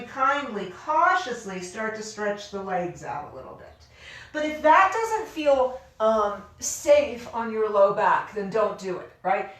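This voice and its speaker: A woman instructing a yoga class in a careful, unhurried way, gently cueing each step with informal encouragement. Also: on the high side. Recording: very echoey room, distant microphone.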